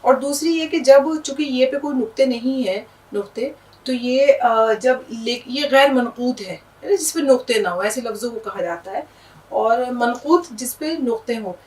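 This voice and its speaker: A woman's voice: on the high side, darkish tone, far from the mic, rough recording. Patient Indian Urdu woman teaching, set back from mic. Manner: patient, explains words slowly with examples. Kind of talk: explanatory language lesson.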